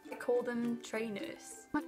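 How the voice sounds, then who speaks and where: A woman's voice: on the high side, flat delivery, a little slow, darkish tone. A woman from Norway, a native Norwegian speaker, chatting casually into her phone in her living room, stumbling and apologizing as she goes, sounding a little off sick. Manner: chatty and self-conscious, with frequent stumbles and apologies. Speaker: vlogger. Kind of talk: casual vlog chat. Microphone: phone propped on a stack of things. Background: faint added background music.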